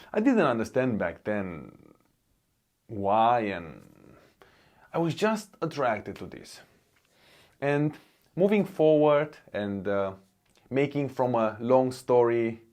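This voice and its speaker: A man from Romania with a Romanian accent, sharing a personal testimony. He talks slowly and earnestly in a mid-range voice, pausing often and restarting his sentences. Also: mid-range voice, darkish tone. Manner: slow and earnest, with many pauses and restarts. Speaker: faith vlogger.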